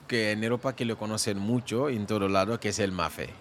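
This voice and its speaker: A man's voice: lowish voice, fairly even intonation, brisk, a little hiss or hum. A man, a cook, answering interview questions in a hesitant way, searching for his words. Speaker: cook, guest. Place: Barcelona.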